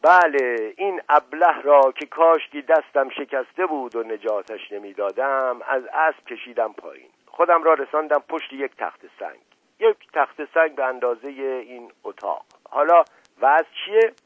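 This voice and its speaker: A man reading aloud, voicing a pompous, hot-tempered older uncle who boasts of old battles and shouts down interruptions. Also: mid-range voice, lively intonation, no echo, pitched above the performer's own voice, natural voice. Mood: storytelling. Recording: dry, narrow phone-like sound.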